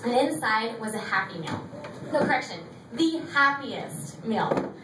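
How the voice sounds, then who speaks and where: A woman's voice: on the high side, lively intonation, a little slow. A thirty-year-old woman doing a confessional, self-mocking stand-up set, cursing freely. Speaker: stand-up comedian. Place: small theatre stage with audience laughter. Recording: echoey room recorded from a distance, noisy.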